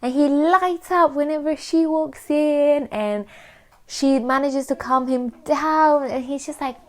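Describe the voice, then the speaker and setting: A woman's voice: sits high, steady tone, slow. A woman, chatting candidly to camera as a vlogger and laughing often. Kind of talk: casual chat to camera.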